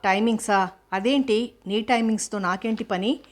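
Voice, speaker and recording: A woman voicing a caring young female friend who asks gentle, probing questions. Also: mid-range voice, moderate pace, natural voice. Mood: concerned.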